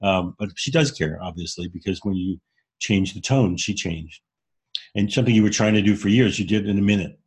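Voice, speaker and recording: Deep, husky-voiced man co-hosting a podcast. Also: a little fast. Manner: candid and earnest, explains ideas frankly. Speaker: podcast co-host. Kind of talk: casual conversation.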